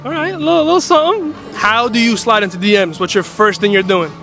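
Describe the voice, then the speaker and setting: Fast, high-voiced young man interviewing on the street. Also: faint music behind. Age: young adult. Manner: energetic, hyped, pushes for examples. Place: busy city street outdoors. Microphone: handheld mic.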